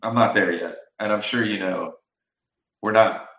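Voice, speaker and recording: A man talking as a guest over a video call, casual and halting, often restarting his sentences. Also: on the low side, fairly even intonation, a bit bright, reverberant, dull audio. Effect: heard over a video call. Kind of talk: casual chat.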